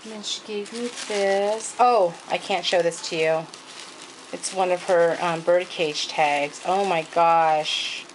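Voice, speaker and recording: Woman craft vlogger gushing over gifts, slow easy talk, noisy room with paper crinkling. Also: lowish voice, fairly even intonation. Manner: gushing, repeats thanks and praise. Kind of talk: casual show-and-tell vlog.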